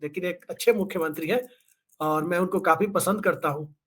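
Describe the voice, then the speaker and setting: A man's voice: high-pitched, brisk, fairly bright tone, breathy edge. A man speaking as a guest in a political discussion, sarcastic and joking, with storytelling asides.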